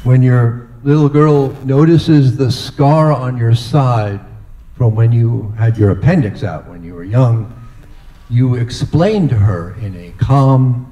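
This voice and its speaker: A middle-aged man giving a humorous father of the bride speech, telling stories slowly with deliberate dramatic pauses. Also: mid-range voice, mellow, reverberant, dull audio.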